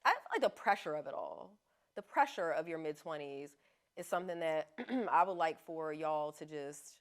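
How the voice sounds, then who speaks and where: A woman in her thirties chats as a podcast guest, relaxed, frank and full of slang. Her voice sits a little low and comes through smooth and clear. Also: moderate pace. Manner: laid-back, slangy and frank, laughs often. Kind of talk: casual chat.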